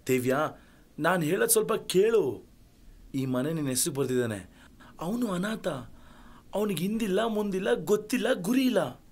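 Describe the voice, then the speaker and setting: An actor playing a scheming lover who quietly talks his partner into a plot, with a Kannada accent. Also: high voice, animated, moderate pace, pauses often, slightly rough, full character voice. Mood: persuasive. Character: scheming young lover, low-voiced plotter.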